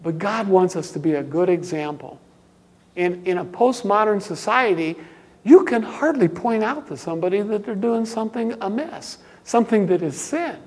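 An older man, a pastor preaching a sermon, emphatic, dropping to quiet asides and rising to loud exclamations. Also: sits high, expressive, normal speed, long reverb tail.

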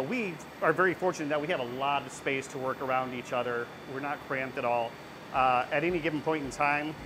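A man in his thirties, a brewer, talking casually and technically about brewing, with plenty of fillers. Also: mid-range voice. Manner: talkative, technical, many fillers. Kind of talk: casual on-camera explanation. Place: brewery floor and taproom. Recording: clear background noise.

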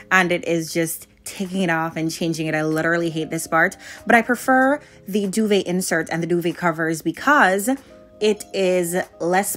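A woman in her late twenties, originally from Jamaica, talks through her cleaning day in a relaxed, chatty voice-over. Her voice sits a little low, and soft music plays faintly underneath. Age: late 20s. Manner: chatty, candid, conversational. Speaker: vlogger. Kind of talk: casual voice-over narration.

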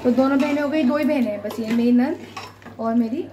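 A woman's voice: high-pitched, a little fast, warm tone, a little hiss or hum. A woman filming a casual home cooking vlog on a phone camera, complaining in a playfully dramatic way. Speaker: vlogger. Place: family home kitchen.

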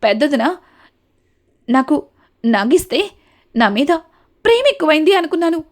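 A woman voicing a loud, blunt young woman accusing her sister-in-law of cheating her. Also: high-pitched, expressive, moderate pace.

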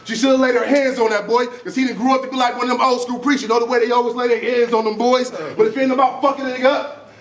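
A young man performing a cappella battle rap, boastful and confrontational, projecting his lines with animated delivery and repeating them for emphasis. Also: extremely high pitch, rapid-fire. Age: young adult. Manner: projected, animated delivery while pacing and gesturing. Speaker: battle rapper. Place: small crowded indoor room. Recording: echoey room, distant camera mic, crowd reacting.

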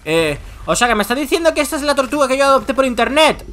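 High, bright, animated gamer guy. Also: quick pace, slight background noise. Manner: animated, theatrical, calls his brother "hermanito". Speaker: gaming YouTuber. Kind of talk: playful gameplay banter.

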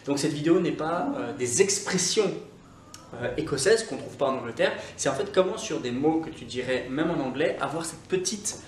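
Animated man teaching online. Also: fairly high pitch, moderate pace, a little hiss or hum. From Scotland. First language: English. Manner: animated, demonstrative, frequent hesitations. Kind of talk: YouTube language lesson. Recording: echoey room with faint music.

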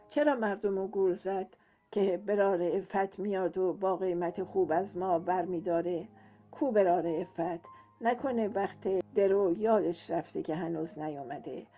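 A woman doing a nagging old granny, a touch higher and louder, dull lo-fi sound with faint music behind. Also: lightly acted. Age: older. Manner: complaining, nagging, talkative. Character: chatty gossiping old village woman.

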